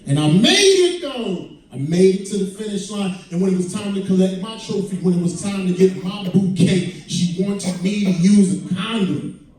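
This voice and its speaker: At an indoor comedy venue, a man in his mid-forties performs stand-up, telling profane stories conversationally to an audience. His voice is high and animated with a darkish tone and a moderate pace. The room echoes heavily and the mic is far off.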